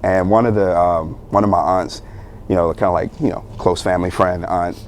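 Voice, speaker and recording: A young man, a guest on a talk show, telling his story in a loose, animated way, with many fillers and bursts of laughter. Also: low voice, fairly quick, slight background noise. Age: young adult. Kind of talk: casual storytelling interview.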